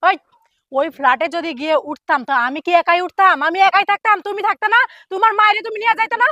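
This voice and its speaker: An actress playing a reassuring but defensive young daughter-in-law in a family drama, talking in an insistent, conversational way. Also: female voice, extremely high pitch, animated, fast talker, bright, forceful tone, dry recording, full character voice. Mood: hurt, indignant. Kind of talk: Bengali family TV drama acting.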